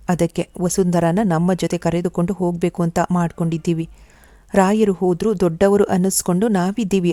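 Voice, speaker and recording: Proud insistent matron, read by a woman narrator, storybook role, low mellow delivery. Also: no echo, clean studio sound, natural voice.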